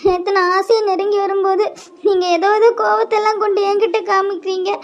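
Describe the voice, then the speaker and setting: A woman with a Kanyakumari Tamil accent voicing a hurt, tearful young woman in a cartoon, talking haltingly and repeating words. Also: extremely high pitch, flat delivery. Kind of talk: cartoon voice acting.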